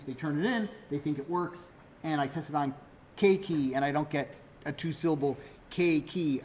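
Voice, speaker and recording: A man's voice: fairly high pitch, slight background noise. A male university lecturer giving a classroom lecture, explaining step by step, correcting himself often and checking that students follow.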